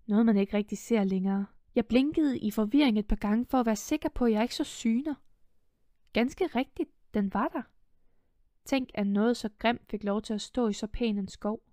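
A young woman reading a first-person audiobook in a calm, measured way, dropping to a hush in tense moments. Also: fairly high pitch, no room sound, clean studio sound. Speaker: audiobook narrator.

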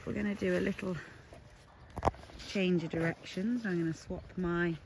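A young woman, slightly hoarse from a recent illness, chatting casually while working her horse outdoors. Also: moderate pace, background noise. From England. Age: young adult. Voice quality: softer than her usual voice. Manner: chatty, coaxing horse commands, lively pitch. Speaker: horse owner vlogging.

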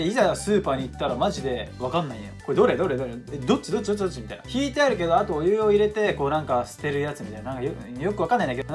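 A young man, chatting excitably and casually while cooking at home for his vlog. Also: a little high. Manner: excitable, chatty, exclaims often. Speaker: vlogger. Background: background music.

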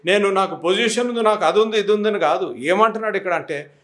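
Man, pastor preaching, high voice, emphatic with rhetorical questions. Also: fast, fairly bright tone. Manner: emphatic, rhetorical questions, mixes in English phrases. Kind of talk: sermon.

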